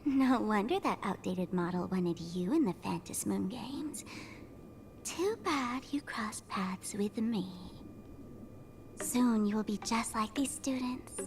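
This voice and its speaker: A woman's voice: fairly high pitch, steady tone, moderate pace, hardly any pauses, a little hiss or hum, close to an everyday voice. A woman voicing a smug, playful young streamer who schemes as a school dean, teasing and theatrical in a game. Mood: sinister. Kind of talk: theatrical scripted game voice acting. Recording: voice over loud game music.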